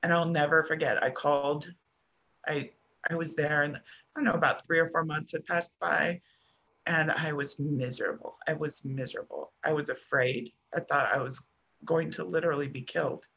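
A middle-aged American woman telling a personal story as a podcast guest, halting and restarting often with soft trailing pauses. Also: deep voice, fairly even intonation, creaky, husky. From United States.

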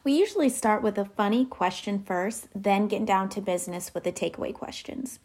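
A woman's voice: medium pitch, moderate pace, a little mellow. A young woman hosting a faith-based question series, talking casually to camera and laughing between rambling answers. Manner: chatty, rambling, laughs often.

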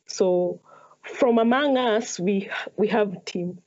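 A woman's voice: medium pitch, slow pace, darkish tone, highs cut off. A young woman from Kenya with a Kenyan accent, answering questions casually as a podcast guest. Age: young adult. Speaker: podcast guest, ice hockey player.

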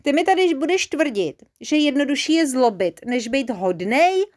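A woman's voice: high-pitched, pitched above the performer's own voice. Woman doing a feisty scolding little creature. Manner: scolding, lively.

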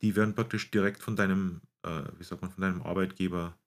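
A man's voice: deep voice, fairly even intonation, fast talker. A middle-aged man with a Bavarian German accent tinged with American, explaining things casually, often searching for words and slipping into English. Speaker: guest explaining US retirement investing.

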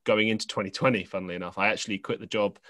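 A man's voice: fairly low pitch, fairly even intonation, rapid-fire, bright, forceful tone, no room sound. A young man from England, a podcast host telling a story in casual conversation, rambling with many fillers and restarts.

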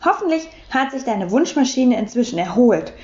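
A woman voicing a cheeky, childlike little creature in a perky, quick manner. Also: fairly high pitch, animated, dark tone, roomy sound, lo-fi sound, natural voice. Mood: matter-of-fact.

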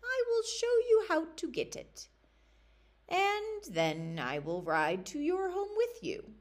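A woman voicing a cunning young enchanter's daughter who speaks high and sharp. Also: wildly swooping pitch, takes it slowly, full character voice. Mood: scheming.

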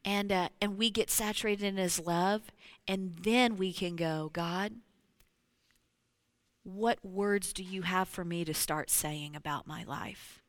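A woman preaching a sermon to a congregation. She talks to them directly, slips into hushed whispers and then rises to loud exclamations. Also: fairly low pitch, slow, no room sound. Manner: addresses the congregation directly, with frequent "you know".

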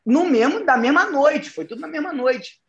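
A young man, telling an anecdote in casual chat, profane and animated. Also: extremely high pitch, normal speed, lo-fi sound. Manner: profane, animated, slangy storytelling. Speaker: podcast storyteller.

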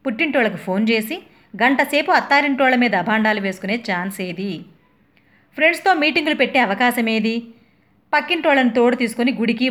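A middle-aged woman reading a humorous story aloud with dramatic, expressive delivery. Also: on the high side. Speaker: narrator.

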